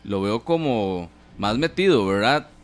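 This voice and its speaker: A man's voice: fairly low pitch, lively intonation, measured pace. A man co-hosting a sports talk show, analytical and agreeable while he ribs a colleague.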